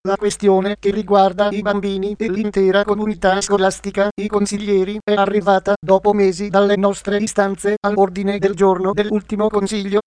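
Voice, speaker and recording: A man's voice: high-pitched, monotone, moderate pace, hardly any pauses, a little mellow, clean tone, no room sound. A synthetic male text-to-speech voice reading a scripted news article in a formal, impersonal manner. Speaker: news reader.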